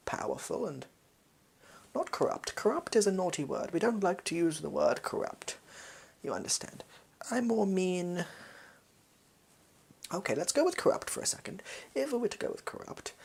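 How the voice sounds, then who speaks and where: A performer plays a shady, pompous villain in a fake posh English voice, improvised as role-play. The voice is husky and creaky, with lively swings in pitch. The phrasing is fussy, evasive and halting, as if every word is being carefully picked. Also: exaggerated voice. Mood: scheming, persuasive. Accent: posh English, put on.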